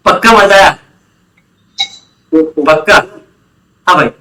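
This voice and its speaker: A man's voice: sits high, slow pace, pushed and bright, reverberant, poor audio. A man teaching an online commerce class, often quizzing students and repeating key terms. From India. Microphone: online class recording.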